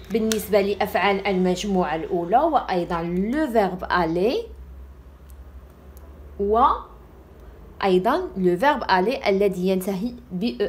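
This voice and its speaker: A young woman teaching French grammar, slowly spelling out French words between her Arabic explanations. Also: mid-range voice. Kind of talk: grammar lesson.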